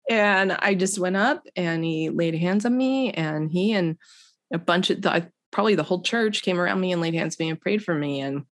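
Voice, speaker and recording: A woman with a low, deep voice, telling a personal story in an easy, chatty way. She jumps into other people's voices as she quotes them. The sound is dry and close, with no room echo. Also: moderate pace. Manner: animated storyteller acting out quotes. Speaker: guest. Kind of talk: casual testimony conversation.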